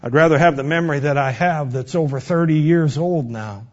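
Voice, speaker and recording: A man in his fifties preaching a sermon, swinging from loud exhortation down to a hushed near-whisper. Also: fairly high pitch, fairly quick. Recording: dull lo-fi recording.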